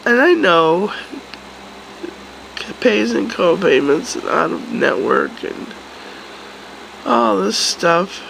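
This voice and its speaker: A middle-aged woman with a cold, chatting casually in a hoarse, congested, swollen-throat voice, rambling and wryly grumbling. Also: medium pitch, a bit bright, slight background noise, poor audio. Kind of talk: casual vlog chat. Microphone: phone or camera at arm's length.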